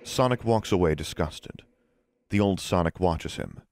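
A man narrating the scene directions of an audio drama in a plain, measured reading. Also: low voice, a little mellow, no room sound. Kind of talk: scripted narration of stage directions.

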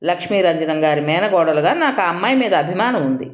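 A tense young man who answers back firmly and steadily, as a woman narrator voices him. Her low-set voice carries through an echoey room. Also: expressive, brisk, lightly acted. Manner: defensive, firm. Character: young man, tense but firm nephew.

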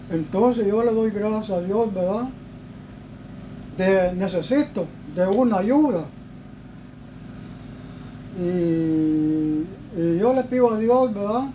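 A man in his seventies with a Guatemalan accent, giving short, humble answers in an interview inside a dark shed. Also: high-pitched, muffled recording. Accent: Guatemalan Spanish. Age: 70s. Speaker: elderly man being interviewed. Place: dark shed with block walls, semi-outdoors. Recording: noisy outdoor recording.

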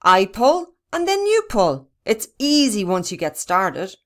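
A woman voicing an eager, bossy young boy who gives excited instructions. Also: measured pace. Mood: instructing. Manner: high, excited exclamations.

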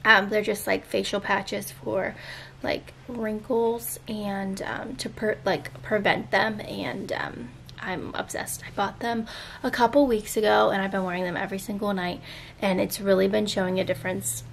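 A woman's voice: mid-range voice, fairly even intonation, normal speed, creaky, a little hiss or hum. A young woman, a stay-at-home mom, chatting casually to camera at home in a bubbly way, with lots of fillers. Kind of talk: casual vlog chat to camera. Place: family home.

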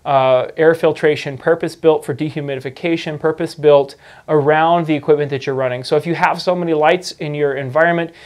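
A man's voice: fairly high pitch, darkish tone. A man in his thirties explaining a farming topic to camera in a studio, talking conversationally with frequent fillers and restarts on a lapel mic. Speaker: indoor farming educator.

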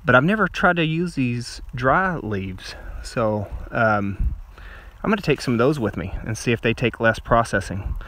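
A man in his forties with a Texan accent, a survival vlogger, casually explains survival skills while working outdoors on an open sandy beach with dunes. His mid-range voice is expressive and a bit bright, at a normal speed, and he plainly describes each step as he handles things.

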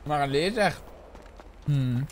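Brief: twenties Dutch streamer, animated and high-pitched, casual slang and swearing. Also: male voice, slow pace, slight background noise. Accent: Netherlands Dutch. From Netherlands. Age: 20s. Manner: chatty, slangy, swears often, talks to viewers. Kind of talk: casual game roleplay commentary.

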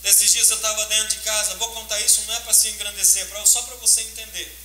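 A male pastor preaching a fervent, emotional sermon, swinging between loud outbursts and soft, hushed passages. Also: high-pitched, little pitch movement, fast. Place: church sanctuary. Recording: roomy church echo, faint hiss.

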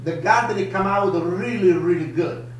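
An older man with a strong Italian accent chats through a live cooking show in lively, broken English, his voice sitting fairly high for a man. He is heard from across a home kitchen, with heavy room echo and a faint hiss behind him. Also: moderate pace, recorded from a distance. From Italy. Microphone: camera across the counter. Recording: echoey kitchen, voice from afar.

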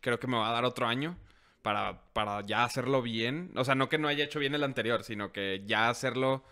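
A young man with a Mexican Spanish accent chats as a podcast guest, telling stories in a loose, slangy way. His voice is bright and forward, at a middle pitch for a man. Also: fairly quick, smooth. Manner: relaxed storytelling, slangy, laughs easily. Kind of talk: casual chat.

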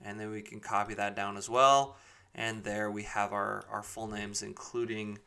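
A man with a slightly low voice presents a screen-recorded software tutorial. He talks informally and walks through each step, thinking aloud as he works. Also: flat delivery, moderate pace, gravelly, clear, resonant tone.

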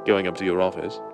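An actor with a low voice plays a suave, secretive, wealthy gentleman in a 1930s-style radio drama, speaking with a smooth, urbane drawl.

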